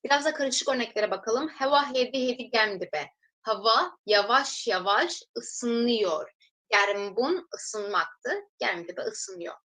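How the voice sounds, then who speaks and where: On poor audio, a woman whose voice runs on the high side, expressive and sharp, walks viewers through a recorded language lesson step by step. She calls them friends, reading example sentences slowly before translating them.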